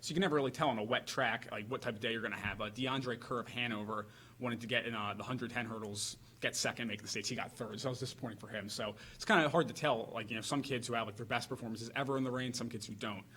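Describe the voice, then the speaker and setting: Fast-talking male sports reporter. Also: mid-range voice, steady tone, bright, forceful tone, low-quality recording. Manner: quick, loose talk with many fillers. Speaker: high school sports reporter. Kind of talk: casual radio sports chat. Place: radio studio.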